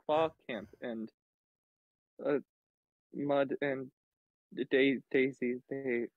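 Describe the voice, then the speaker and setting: A man's voice: medium pitch, steady tone, extremely slow, no echo. A man playing in a casual tabletop roleplay over an online voice call, speaking hesitantly with a lot of stammering. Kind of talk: casual improvised roleplay chat. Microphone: online group voice call. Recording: tinny, band-limited voice-chat audio.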